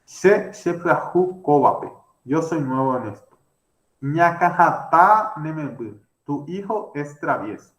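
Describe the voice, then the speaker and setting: A man's voice: on the high side, expressive, takes it slowly. A man teaching grammar in an online class, explaining step by step with many fillers and restarts. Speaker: language teacher. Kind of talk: online lecture. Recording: roomy echo.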